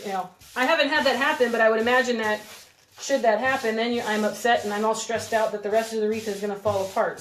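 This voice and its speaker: A woman's voice: fairly high pitch, slight background noise. A woman talks viewers through a crafting project on a live stream, rambling and chatting as she works. Her talk is casual and loose. The room around her sounds echoey. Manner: chatty, rambling, giggly, talks while working with her hands. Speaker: craft video host.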